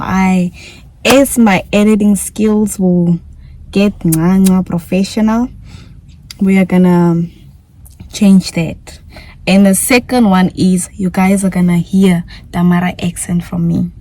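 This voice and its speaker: A young Namibian woman with a fairly low, mellow voice and Namibian English accent chats in a casual vlog Q&A as a YouTuber. She's giggly and talkative, and she repeats herself.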